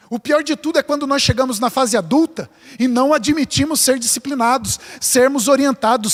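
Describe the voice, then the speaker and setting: A man from São Paulo state preaching a sermon as a pastor, earnest and emphatic, mixing scripture with a light-hearted personal story. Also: very high voice. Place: church sanctuary. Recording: long reverb of a large church hall.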